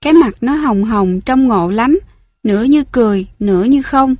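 A woman's voice: a little high, moderate pace, a little mellow, no room sound. Woman reading a storybook. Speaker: narrator.

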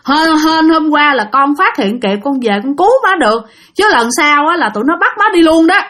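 A woman's voice: high voice, expressive, a little fast, sharp tone, voice pushed up. A woman voicing the ghost of a dead young man who speaks through his mother's body, pleading and urgent. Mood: urgent, earnest. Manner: pleading, urgent, gasping for air.

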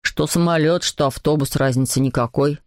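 A woman doing a blunt deep-voiced schoolboy. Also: steady tone, normal speed, darkish tone, no echo, studio quality. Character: blunt schoolboy, tough and mocking.

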